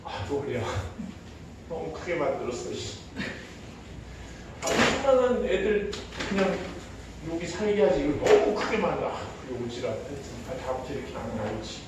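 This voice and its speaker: A man's voice: very animated, moderate pace, distant mic, heavy background noise. A man voicing an irritable creator muttering complaints about his own work, in an echoey church hall. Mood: grumbling. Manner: low, muttering grumbles.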